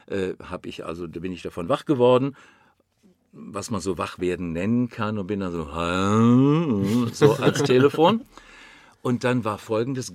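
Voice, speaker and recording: Older male guest, lowish voice, lively yarn-spinner, dry studio sound. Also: no room sound. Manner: animated, acts out quoted voices, frequent "ne?". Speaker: guest, former news anchor and actor. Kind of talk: casual anecdotal storytelling. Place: podcast studio.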